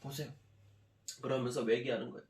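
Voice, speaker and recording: A male preacher telling a Bible story in an animated sermon, often asking his listeners questions. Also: medium pitch, fast talker.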